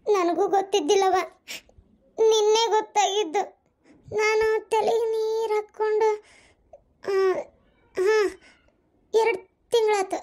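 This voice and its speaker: A woman's voice: extremely high pitch, steady tone, slow pace, pauses often, a little mellow. A woman voicing a meek, remorseful young village daughter in a cartoon, explaining hesitantly in a North Karnataka Kannada accent. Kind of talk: cartoon voice acting.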